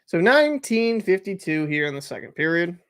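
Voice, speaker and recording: Young male streamer, slightly high voice, casual rambling chat and play-by-play. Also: big pitch swings, fairly quick, a bit bright, clear, resonant tone. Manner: chatty, joking, answers live chat, loose and rambling. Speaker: livestream host. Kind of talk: casual watch-party chat and commentary.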